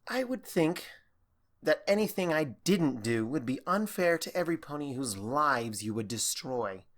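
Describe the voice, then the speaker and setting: A man reading a fan fiction audiobook, voicing a calm, teasing young female princess pony with a casual, slightly ceremonious manner. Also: on the high side, a little slow. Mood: smug.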